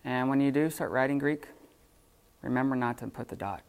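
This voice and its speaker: Gravelly man teaching a class. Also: medium pitch. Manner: halting, many fillers and restarts. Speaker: Greek teacher. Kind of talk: unscripted classroom lesson.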